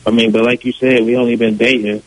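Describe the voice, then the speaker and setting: A man's voice: medium pitch, flat delivery, fast talker. A man taking a call and talking in a laid-back, mumbling, evasive way. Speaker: prank call target. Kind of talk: phone call. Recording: phone line.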